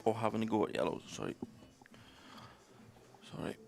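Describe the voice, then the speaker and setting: Gravelly Yorkshire man co-commentating on pool. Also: fairly low pitch, animated, normal speed. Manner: casual, blunt advice on shots.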